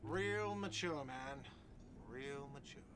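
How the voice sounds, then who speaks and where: A bratty delinquent, sneering, rude, lively up-and-down voice, fairly high. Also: male voice, moderate pace, noisy background. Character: bratty, foul-mouthed young male delinquent.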